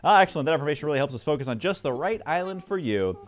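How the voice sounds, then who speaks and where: A man's voice: fairly high pitch, expressive, rapid-fire, lightly acted. A man voicing a cheerful male travel clerk, reading the game's dialogue aloud.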